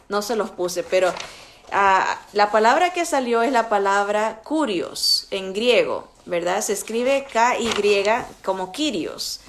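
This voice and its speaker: Woman, Bible teacher, chatty lesson delivery, a bit higher voice, keeps checking in with listeners. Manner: conversational teaching, frequent fillers and tag questions. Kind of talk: recorded Bible study lesson.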